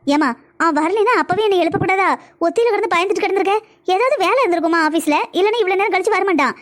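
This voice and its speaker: A woman's voice: extremely high pitch, very fast. A woman voicing a caring older mother-in-law in a cartoon, with a southern Tamil accent and a soothing, coaxing way of talking. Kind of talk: cartoon voice acting.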